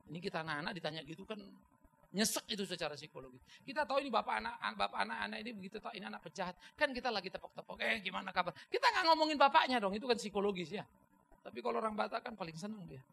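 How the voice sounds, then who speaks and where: Gravelly, forceful male preacher. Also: high voice, rapid-fire, poor audio. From North Sumatra, Indonesia. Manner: animated, emphatic storytelling that swings between loud outbursts and quiet reflection. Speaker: pastor. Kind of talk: sermon with personal storytelling. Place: church.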